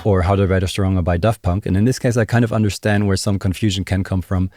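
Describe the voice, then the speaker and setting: A man in his thirties talks low and fast with a steady tone, giving a casual music production tutorial and thinking aloud as he explains. He's recorded close on a desk mic in a small home studio.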